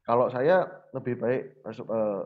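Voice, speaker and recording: A man's voice: mid-range voice, slow pace, phone-quality sound. Man with speech, storytelling teacher. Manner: lively storyteller who often acts out dialogues. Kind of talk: conversational interview storytelling.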